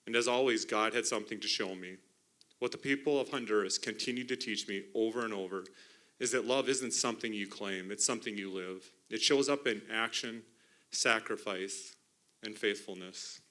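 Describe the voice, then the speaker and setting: A middle-aged man giving an emotional church testimony about a mission trip, partly reading from notes, earnest and halting with restarts. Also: on the low side, sharp tone. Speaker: mission trip team member sharing testimony. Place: church sanctuary.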